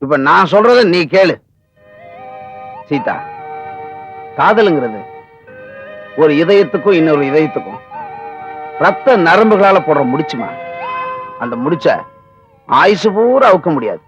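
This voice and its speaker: A village brother who pleads from the heart. His voice sits a little high and comes through a muffled old film track with a score playing low under it. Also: very animated, measured pace, pauses often. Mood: earnest. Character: village man, drunkenly worried brother. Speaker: husband and elder brother in a film. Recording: dull old film soundtrack with music.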